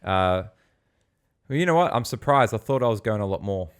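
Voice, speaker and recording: A man's voice: on the low side, lively intonation, brisk, clean tone. An Australian man hosting a podcast in casual chat, asking short, easygoing questions. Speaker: podcast host.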